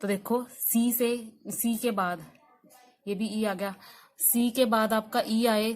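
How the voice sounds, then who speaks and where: A woman teaching a pronunciation class. She explains patiently, spells each word out letter by letter, and keeps checking in with her students. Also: medium pitch. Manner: explains patiently, spells words out letter by letter, repeats "ठीक है" often. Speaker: English teacher. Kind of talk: online pronunciation lesson.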